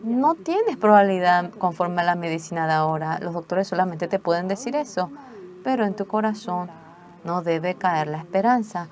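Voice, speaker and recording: A woman's voice: lowish voice, lively intonation, normal speed, a little mellow, close to an everyday voice. A woman voicing a firm, loving mother who urges her daughter in a stern, pleading way.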